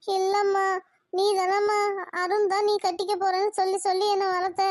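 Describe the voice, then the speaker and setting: A woman's voice: very high-pitched, flat delivery, moderate pace, no echo, clean studio sound. A woman voicing a coy, lovesick young woman who whines about her match in a cartoon. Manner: coy, whiny. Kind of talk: cartoon voice acting.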